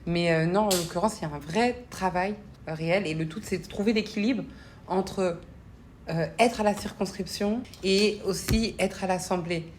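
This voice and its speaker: This woman speaks at normal speed in a lowish voice, giving earnest, searching interview reflections and repeating words often. She grew up between French and Congolese cultures and is a parliamentary assistant who founded an association. Slight background noise sits under her voice.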